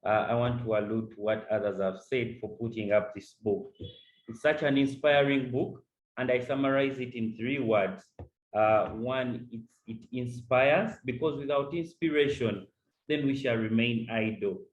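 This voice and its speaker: This panel discussant from Uganda talks at an unhurried pace with a medium-pitched voice, earnestly delivering webinar remarks and tending to repeat words when starting a point. Heard over a video call, the room is echoey, the highs are cut off, and there's slight background noise.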